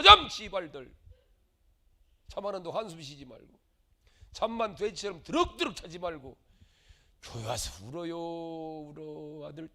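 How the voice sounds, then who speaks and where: Dramatic high-voiced pastor with a gravelly edge. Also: male voice. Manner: dramatic, acts out quoted voices, swings from shouting to murmuring. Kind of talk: sermon.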